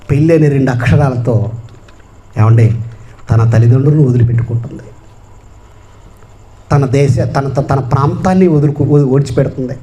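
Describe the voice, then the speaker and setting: A man's voice: mid-range voice, mellow. A man preaching a sermon with a Telugu accent, emphatic and repetitive. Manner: emphatic preaching with repeated phrases. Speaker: pastor.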